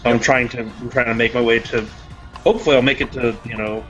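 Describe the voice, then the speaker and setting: A man's voice: medium pitch, steady tone, fast talker, lo-fi sound, music in the background. A man playing a tabletop role-playing game, joking and talking through his character's actions. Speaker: player. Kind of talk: casual tabletop role-play chat.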